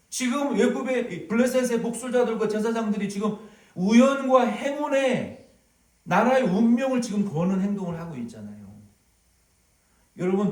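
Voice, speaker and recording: A male pastor delivers a sermon with a lively, swooping delivery. He tells stories and acts out little sounds along the way. His voice is fairly high and comes from some distance in a roomy church hall. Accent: Korean, Jeolla dialect touches. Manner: animated, storytelling, acts out sounds. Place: large church sanctuary. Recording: echoey hall, from far off.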